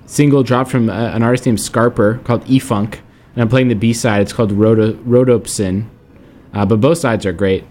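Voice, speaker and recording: A man's voice: fairly low pitch, a little mellow. A man hosting a music radio show in an informal, hesitant, meandering way, chatting casually to listeners as he introduces tracks. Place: public ferry building, broadcasting live. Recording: music playing behind.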